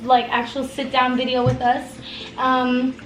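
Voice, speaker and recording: A woman's voice: high-pitched, monotone, measured pace. A woman in her twenties chatting casually while eating, rambling with lots of fillers. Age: 20s. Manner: rambling, many fillers, searching for words. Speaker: co-host, mother. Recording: roomy with background music.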